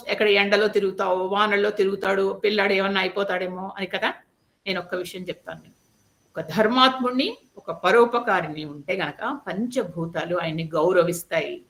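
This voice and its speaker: A woman storyteller voicing a steady queen who earnestly consoles her grieving co-wife. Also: medium pitch. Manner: earnest, persuasive, reassuring.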